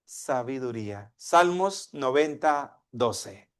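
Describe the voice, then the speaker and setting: A man's voice: mid-range voice, expressive, takes it slowly, smooth. A man preaching a sermon, asking his congregation questions and acting out a dialogue between a father and his child. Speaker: pastor.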